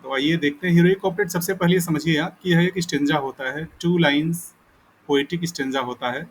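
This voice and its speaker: A man teaching a recorded lesson, explaining step by step and repeating points, reading definitions aloud slowly. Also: fairly high pitch, fairly even intonation, a little hiss or hum. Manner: explains slowly in Hindi, reads English definitions aloud haltingly with pauses. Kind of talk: recorded lecture.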